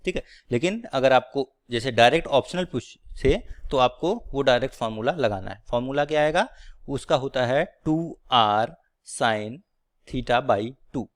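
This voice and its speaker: A man teaches a physics lecture in a plain mid-range voice. He works through each step of a derivation at the board. He pauses often to check that his students are keeping up. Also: mid-range voice, lively intonation.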